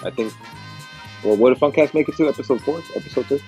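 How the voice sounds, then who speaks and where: With faint music behind him, a young man co-hosting a podcast talks fast in a warm, mid-range voice. He's laid-back, swears freely and rambles through his stories in casual chat. He sounds stuffy and under the weather with a cold.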